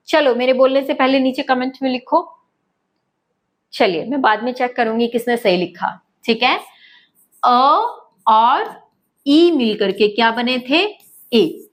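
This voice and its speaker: A woman's voice: fairly high pitch, normal speed. A woman teaching a lesson to schoolchildren, speaking patiently, repeating points and checking that they follow. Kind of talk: online lesson.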